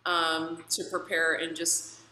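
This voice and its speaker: Bright-voiced woman interviewer in an echoey room. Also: deep voice, completely flat delivery, slow, a little hiss or hum. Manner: warm, affirming, reflective, tags on "right?". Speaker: interviewer and sound healer. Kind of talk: conversational interview.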